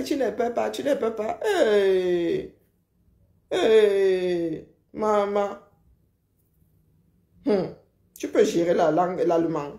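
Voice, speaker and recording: A woman's voice: medium pitch, warm tone. A woman, ranting casually and mocking someone as she lectures. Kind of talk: casual live rant. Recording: roomy echo.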